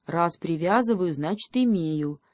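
A woman voicing a boastful, jolly male circus bear who talks in a loud, drawn-out way. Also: lowish voice, animated, no room sound, clean studio sound. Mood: mocking.

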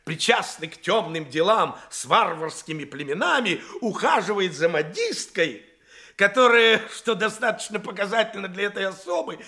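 In a theatrical audio-drama style, an actor plays a pompous, bombastic male orator haranguing the city fathers with scandalous, indignant accusations. His high-pitched voice is bright and forceful, with lively intonation at a moderate pace. He sounds insinuating and outraged, declaiming pompously and firing off rhetorical questions.

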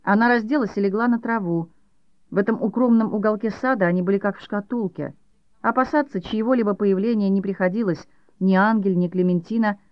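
An audiobook narrator reading a novel in a measured, even storytelling manner. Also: medium pitch, no room sound. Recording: dull dry audiobook recording.

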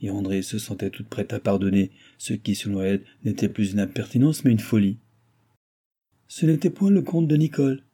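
Husky, dark-voiced male audiobook narrator. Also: fairly low pitch, normal speed. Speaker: audiobook reader.

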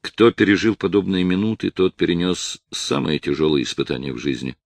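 Deep gravelly male audiobook narrator. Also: dry recording. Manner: measured, solemn storytelling. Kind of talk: first-person audiobook narration.

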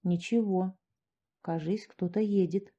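A woman voicing a calm, weary young village wife who answers quietly. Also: medium pitch, takes it slowly, muffled recording.

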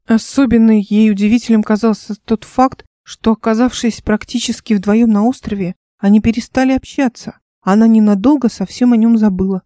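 Calm, mellow woman narrator. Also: a little high, no echo, studio quality. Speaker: author reading own audiobook. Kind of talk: audiobook narration.

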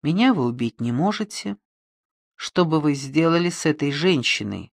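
A reader voicing a calm male police detective who questions softly and persistently in an audiobook. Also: medium pitch, moderate pace, vocal fry, no room sound, clean studio sound. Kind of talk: audiobook reading.

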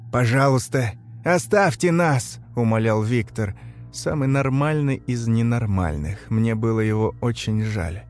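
Male narrator for a dark first-person audiobook, grave and measured, music softly beneath. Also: mid-range voice.

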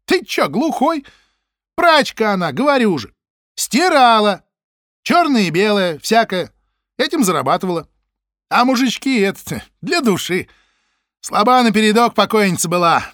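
A brash, coarse woman janitor, as a male audiobook narrator puts her on in a storybook reading. She talks crudely and mockingly, her voice raised high and loud with a lively swing. The sound is dry and close. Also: moderate pace, dry recording.

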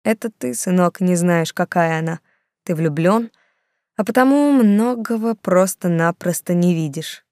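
A woman voicing a calm, measured middle-aged male detective in an audiobook. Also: lowish voice, dry recording, studio quality.

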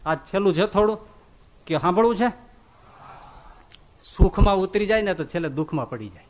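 High-voiced swami giving a lively sermon. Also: male voice, fairly quick. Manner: animated storytelling, acts out quoted voices. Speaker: swami giving scripture discourse. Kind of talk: Gujarati religious sermon.

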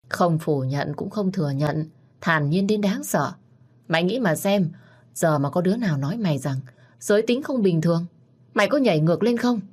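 A woman's voice: on the low side, a little mellow, breathy edge. Woman voicing a blunt gossipy girlfriend.

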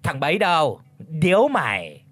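A man's voice: a little high, expressive, fairly quick, husky. A man doing a blustering, cursing old village chief. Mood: bossy. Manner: shouts curses and orders, stammers in fright.

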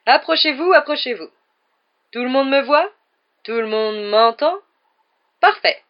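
A reader voicing a flamboyant, boastful male wizard teacher with a loud, theatrical delivery, on a dull lo-fi recording. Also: extremely high pitch, lively intonation, a little slow, pitched above the performer's own voice. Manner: showy, loud, theatrical announcing. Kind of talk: audiobook character voice.

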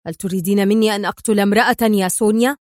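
A woman's voice: medium pitch, steady tone, very fast, no echo, clean studio sound, lightly acted. A woman voicing a stern male spy holding a gun.

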